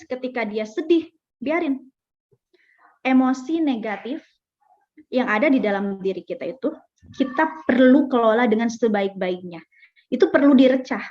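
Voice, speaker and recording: Chatty woman, lo-fi. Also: high voice. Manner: chatty, uses fillers and acts out child and parent voices. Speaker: parenting speaker. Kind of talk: casual talk. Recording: dull lo-fi recording.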